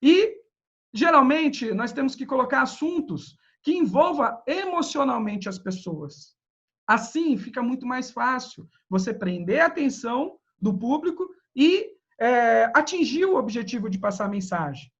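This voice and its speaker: A man's voice: extremely high pitch, a little slow. A man with a Brazilian accent giving an online lecture on public speaking, talking straight to his audience and acting out quoted dialogue. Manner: lively, addresses audience directly, acts out quoted dialogue. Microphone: video call. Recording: dull lo-fi video call audio.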